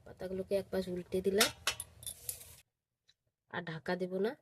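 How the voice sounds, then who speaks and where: A woman with a voice hoarse from a cold, calmly narrating each cooking step in her home kitchen and repeating each one. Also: mid-range voice, moderate pace, heavy background noise. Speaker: cooking channel host. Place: home kitchen with stove sizzling.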